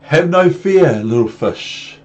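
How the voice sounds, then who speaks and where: A man with a New Zealand accent voicing a playful, confident cat showman from a children's storybook, with emphatic, drawn-out delivery. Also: fairly high pitch, animated, a little mellow, muffled recording, pitched above the performer's own voice. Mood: reassuring.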